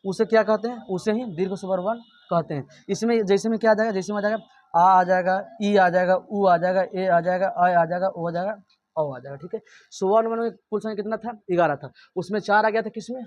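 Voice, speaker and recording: A man's voice: high-pitched, brisk, a little mellow, muffled recording. A young man teaching a grammar lesson, asking the class questions and answering them himself, repeating each point.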